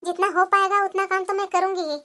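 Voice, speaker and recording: A woman's voice: extremely high pitch, little pitch movement, fast. Woman voicing a meek pleading cartoon daughter-in-law. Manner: soft, pleading, subdued. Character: meek young daughter-in-law, tired and hurt. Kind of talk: cartoon voice acting.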